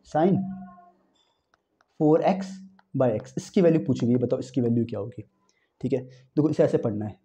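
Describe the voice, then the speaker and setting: A young man giving an animated exam-prep math lecture, repeating key phrases and talking to students as friends. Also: fairly high pitch, muffled recording. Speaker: math teacher.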